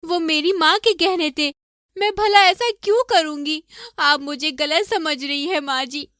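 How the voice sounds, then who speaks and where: Woman voicing a meek young daughter-in-law, very high. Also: a little slow, bright, forceful tone, no room sound, studio quality. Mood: pleading. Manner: pleading, submissive. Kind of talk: animated story voice acting.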